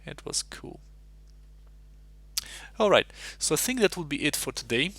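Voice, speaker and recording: Very gravelly Russian-born man chatting. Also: fairly high pitch, very animated, measured pace, sharp tone, no echo. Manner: thinks aloud while solving puzzles, chatty and rambling. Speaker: chess streamer. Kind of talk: casual live-stream chat.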